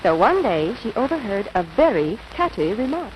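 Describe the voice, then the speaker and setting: On a noisy old radio broadcast from the 1940s, a woman plays a chatty storyteller in an advertisement, gushing and confiding as if reading a bedtime story. Her medium-pitched voice is sing-song, a little mellow and natural, at a moderate pace, with a theatrical storybook delivery.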